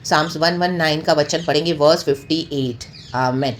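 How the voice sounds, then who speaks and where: Brief: woman preacher, fairly low voice, constant amens and hallelujahs, faint hiss behind. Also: measured pace. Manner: peppers talk with amen and hallelujah; mixes English phrases into her preaching. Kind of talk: sermon.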